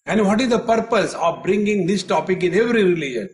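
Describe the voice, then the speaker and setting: A man's voice: high voice, expressive, fast talker. A man, a spiritual teacher, giving a retreat discourse with humorous storytelling and acted dialogue to a live audience.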